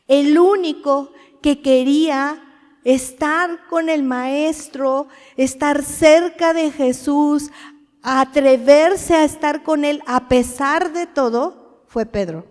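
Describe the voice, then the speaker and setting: A woman's voice: high voice, darkish tone. A woman preaching a sermon in a conversational way. She often asks her listeners questions and acts out short quoted lines. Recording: long hall reverb.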